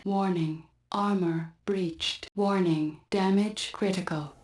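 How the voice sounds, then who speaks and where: A woman's voice: medium pitch, fairly even intonation, takes it slowly, slight background noise. A woman voicing the onboard computer of a combat mech, with a robotic computer voice that gives terse, clipped warning announcements. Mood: cold alert. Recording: game audio under loud gunfire and explosions.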